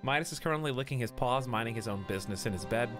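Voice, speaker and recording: Talking at a racing pace in a mid-range voice, a man with a cold streams a game live from home on a desk mic. He's chatty with his viewers, greeting them and joking, while game music plays faintly.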